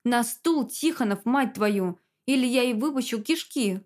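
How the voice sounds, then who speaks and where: A woman's voice: fairly high pitch, animated, measured pace, darkish tone. A woman reading the lines of a menacing, gloating male villain in an audiobook, mocking and cruel. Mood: furious. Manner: taunting, mocking.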